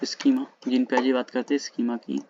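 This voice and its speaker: A man preparing students for exams goes over old questions in a casual nighttime lesson at home, slowly reading the English text and then explaining it quickly in Hindi. His mid-range voice has vocal fry, little pitch movement and a slightly mellow quality, and the muffled recording carries slight background noise.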